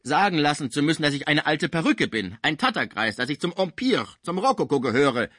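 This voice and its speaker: A man playing a dying old musician in an audiobook, agitated and bitter, voice strained high, husky. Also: sing-song, a little fast, fairly bright tone, no echo, studio quality. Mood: despairing. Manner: agitated, outraged outbursts. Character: sick old male musician, bedridden, frantic and bitter. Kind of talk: audiobook character voice.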